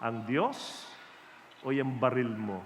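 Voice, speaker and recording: A man preaching a sermon to a large gathering, telling stories in an animated, joking way. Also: medium pitch, slow, slight background noise. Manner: animated storytelling with jokes. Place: large hall with an audience. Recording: echoey hall reverb.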